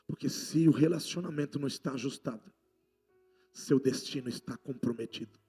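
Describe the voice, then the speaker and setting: A man with a Brazilian Portuguese accent preaching a sermon, passionate and swinging between loud outbursts and hushed lines. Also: medium pitch, a little fast, breathy edge, faint music behind. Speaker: apostle preaching.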